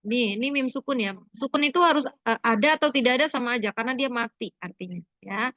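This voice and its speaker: A woman's voice: on the high side, fast, fairly bright tone, no echo, dull audio. A woman teacher going over a lesson with her class, asking questions and prompting students for answers. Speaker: religious studies teacher.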